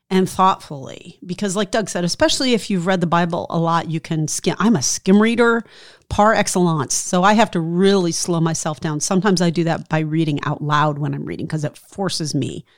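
Woman, middle-aged, lowish voice, dry close mic, earnest podcast talk. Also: no echo. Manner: earnest, thoughtful, reads aloud with emphasis. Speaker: podcast co-host. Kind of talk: casual faith podcast chat and scripture reading.

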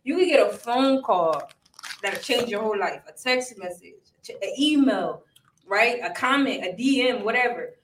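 A woman's voice: a little high, animated, normal speed, a little hiss or hum. An American woman in casual, conversational chat as a vlog co-host. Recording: roomy, distant microphone.

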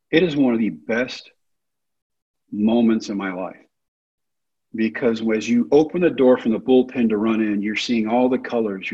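A man's voice: medium pitch, a little mellow, husky. A man giving a talk, telling a personal story in a vivid, self-deprecating way. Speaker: guest speaker. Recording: dull lo-fi recording.

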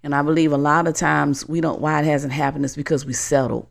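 A podcast co-host talks about faith and motivation in a conversational way that is reflective and explanatory. Her voice is deep and brisk, with vocal fry and little pitch movement.

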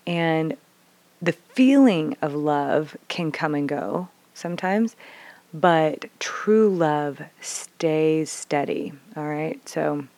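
Low, slow-spoken earnest mother. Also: lively intonation, darkish tone, no room sound. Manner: earnest, thoughtful, speaks with 'like' and 'um'. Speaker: parent sharing experience. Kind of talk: casual reflective talk.

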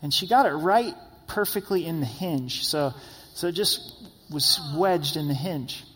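A man's voice: on the high side, a little slow, a bit bright, breathy edge, in a large hall. A male pastor giving a sermon in a conversational, storytelling way, often asking "right?" and repeating phrases for emphasis.

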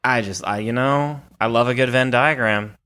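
A man's voice: mid-range voice, normal speed, sharp tone, smooth. A man co-hosting a casual political chat, tossing out sarcastic one-liners and crude jokes.

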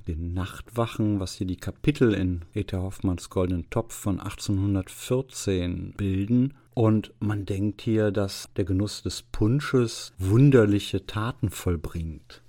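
A man's voice: lowish voice, unhurried, hardly any pauses, mellow. A man co-hosting a literature podcast, reading narration and chatting casually. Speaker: podcast co-host.

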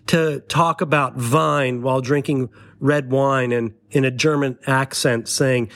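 Comedy podcast host, middle-aged man, slightly high voice, dry sarcastic satire delivered with mock gravity. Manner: mock-serious, sarcastic, addressing a letter writer. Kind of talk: satirical monologue.

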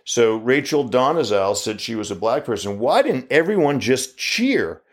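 A man's voice: medium pitch, sing-song, moderate pace. Man, 50s, opinion monologue. Argumentative, hammers rhetorical questions, voice leaps up on each challenge.

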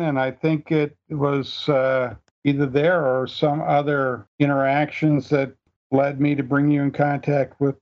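An older man with a fairly high voice talks casually as a podcast guest. He is halting, repeating words as he thinks, and his audio is a little dull and lo-fi. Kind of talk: casual reminiscing chat.

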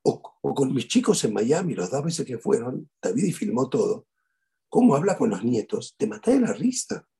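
A man's voice: mid-range voice, very animated, normal speed, creaky, warm tone, slightly rough. A middle-aged man with an Argentine Spanish accent, a rabbi giving a eulogy sermon and telling stories with animation, repeating key phrases.

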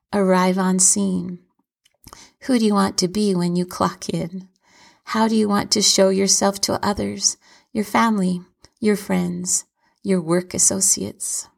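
Slow, soft-spoken woman with gravelly fry. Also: medium pitch. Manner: slow, calm, often trailing into soft whispers. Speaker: self-help speaker. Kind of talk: reflective motivational talk.

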